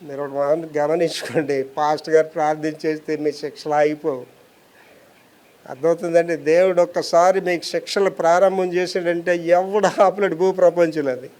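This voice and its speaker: A man's voice: sits high, a little mellow. Older man preaching an emphatic sermon. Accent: Telugu. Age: 70s. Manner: emphatic preaching, rhetorical questions to the congregation. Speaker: pastor.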